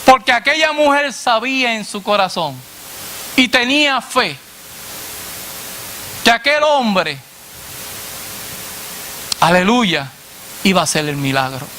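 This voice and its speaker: A man preacher delivering a sermon to a congregation, asking "what?" and answering himself in a lower voice, addressing listeners as brother. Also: lively intonation, takes it slowly, long pauses, sharp tone, a little hiss or hum. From Latin America. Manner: call-and-response questions, dropping low on the answer.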